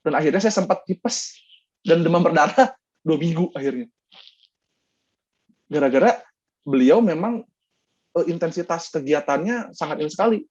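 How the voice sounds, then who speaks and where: A man's voice: a little high, animated, moderate pace, long pauses, a little mellow, husky, dull audio. A young man from Bandung with a Sundanese-tinged accent, giving a casual talk-show presentation and chatting with the audience as friends, lots of fillers and acted-out quotes. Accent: Sundanese-tinged Indonesian. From Bandung, West Java. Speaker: guest speaker.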